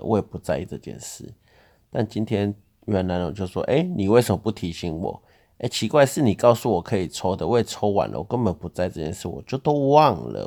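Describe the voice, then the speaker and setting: A man's voice: deep voice, vocal fry, warm tone. A man co-hosting a casual podcast, arguing and teasing his partner in a playful way. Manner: teasing, argumentative. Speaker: podcast co-host. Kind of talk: casual couple banter.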